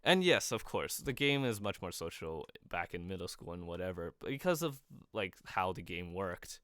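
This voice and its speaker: Rambling young man, smooth low voice. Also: big pitch swings, moderate pace, a bit bright, dry recording, studio quality. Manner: rambling, lots of filler words and restarts. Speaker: streamer. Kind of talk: casual livestream commentary.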